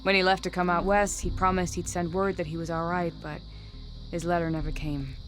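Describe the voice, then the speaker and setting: For a video game cutscene, an actress plays a proud young hunter, her lightly acted voice lowish, a little fast and fairly flat in pitch. She comes across earnest and wistful, with spirited bursts, over the game's music score.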